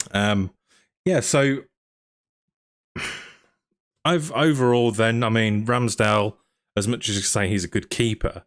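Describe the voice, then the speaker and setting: A young man runs a casual football podcast, chatting away, asking questions, and reading viewer comments aloud. He speaks in a lowish voice, taking it slowly with long pauses.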